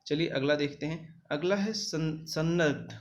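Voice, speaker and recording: A man's voice: mid-range voice, moderate pace. Hindi-accented male teacher drilling spelling. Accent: Hindi, North Indian. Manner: repetitive, drilling, reminding students to remember. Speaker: exam-prep teacher. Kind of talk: online spelling lesson.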